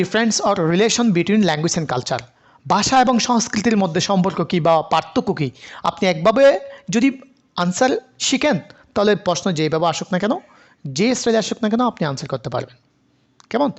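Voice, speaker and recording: A man's voice: high-pitched, lively intonation, normal speed, pauses often. A man teaching an online linguistics lecture, who keeps asking rhetorical questions and mixes in English terms.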